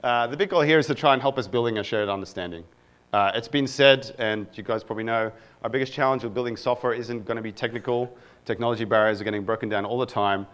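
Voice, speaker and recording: A man's voice: fairly low pitch, fairly bright tone. A man from Egypt, a product manager, giving a casual conference talk to a live audience, with many fillers and self-deprecating asides.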